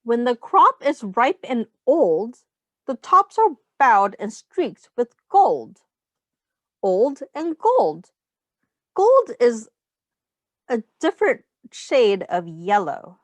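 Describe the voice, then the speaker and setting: A woman teacher reads a picture book aloud to young children, explaining simple words, pointing out rhymes, and asking them questions directly as she goes. Her voice is on the high side with big pitch swings and a slow pace, and there's no echo.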